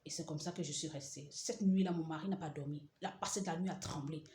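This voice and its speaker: A woman giving a dramatic religious testimony, repeating phrases and dropping to a hush at times. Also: deep voice, fairly even intonation, fast. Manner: dramatic, repeats phrases, drops to hushed tones. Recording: roomy echo with faint ambience.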